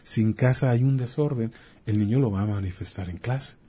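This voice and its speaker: A man's voice: mid-range voice, fairly quick, warm tone, breathy edge. A man, a doctor, talking casually on a talk show and acting out little dialogues as he explains. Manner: explains with acted-out dialogues and rhetorical questions. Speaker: doctor guest.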